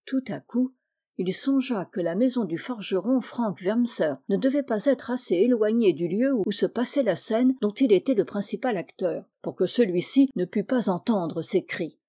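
Female audiobook narrator, middle pitch, warm and mellow, measured storytelling. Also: breathy edge. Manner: measured, expressive reading. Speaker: audiobook reader. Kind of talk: read-aloud storytelling.

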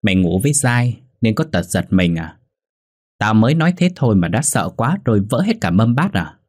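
A man voicing a drunken, violent and jealous middle-aged husband who snarls and shouts curses. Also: on the low side, big pitch swings, moderate pace, dry recording, studio quality. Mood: mocking.

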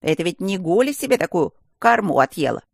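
A narrator voicing a chattering, cheeky female stone gargoyle in a fantasy audiobook, talking fast and mouthy. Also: mid-range voice, sing-song, vocal fry, dry recording, clean studio sound. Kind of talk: audiobook character voice.

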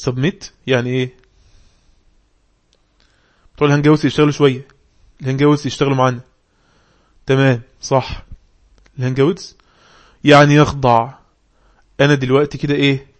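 A man with an Egyptian Arabic accent, teaching a class. He reads English lines slowly and deliberately, then explains them in quick Arabic and quizzes his students. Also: medium pitch. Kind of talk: online English lesson on religious text.

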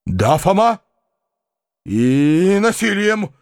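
A man voicing an agitated middle-aged country gentleman in an audiobook, pleading and trembling with emotion. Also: fairly high pitch, very animated, moderate pace, gravelly, dry recording, studio quality, exaggerated voice. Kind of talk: audiobook character reading.

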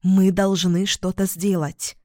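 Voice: medium pitch, flat delivery, slow, a little mellow, dry recording, close to an everyday voice. A narrator voicing an impulsive young woman who cries out in fear, in a dry close recording. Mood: determined.

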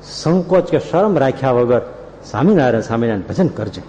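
A man's voice: medium pitch, big pitch swings, fairly quick, dark tone, a little hiss or hum, natural voice. A man voicing a proud, commanding holy guru who gives firm blessings and instructions. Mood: solemn blessing. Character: commanding saintly male guru, proud and bold. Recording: reverberant hall, dull lo-fi sound.

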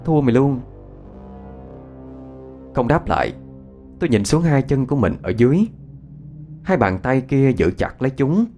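A male storyteller reads a ghost story with suspense, his pitch rising and falling expressively. His voice sits in an ordinary middle register. Faint music plays underneath. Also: big pitch swings, normal speed, long pauses, mellow. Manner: dramatic, suspenseful reading. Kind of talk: scripted ghost story narration.

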